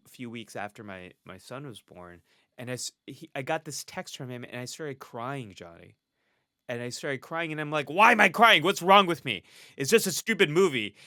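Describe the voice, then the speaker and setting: A man with a bright, forward voice talks candidly as a psychologist being interviewed. He is earnest and reflective and breaks into laughter between thoughts. The sound is close and dry, with no room around it. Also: medium pitch, no room sound. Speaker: clinical psychologist, podcast guest. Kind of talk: candid conversational storytelling.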